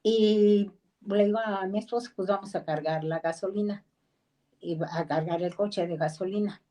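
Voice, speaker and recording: A middle-aged Mexican woman teaching scripture to a group on a video call. She speaks at an ordinary pitch for a woman, in a plain conversational manner, and acts out the people in the stories she tells. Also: dark tone, low-quality recording. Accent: Mexican Spanish. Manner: conversational, acts out quoted voices, pauses to ask people to mute. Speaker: discipleship teacher. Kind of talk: online Bible class teaching.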